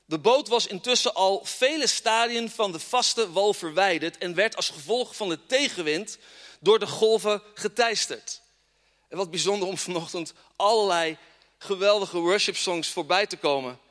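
A man's voice: high-pitched, normal speed, fairly bright tone. A man preaching a fervent sermon in a church and reading scripture with strong emphasis. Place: church hall with congregation. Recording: long reverb of a church hall.

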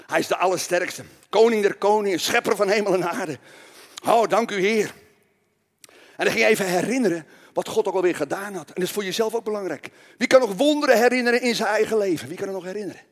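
Lively, gravelly man telling Bible stories. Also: high voice, fast talker, in a large hall. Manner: animated, playful, talks to the children directly. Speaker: children's preacher. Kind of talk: lively Bible story for children.

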